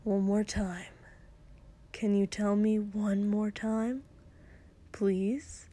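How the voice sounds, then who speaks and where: A woman voicing a teasing, tender young man who speaks in a soft, coaxing whisper. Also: medium pitch, little pitch movement, very slow.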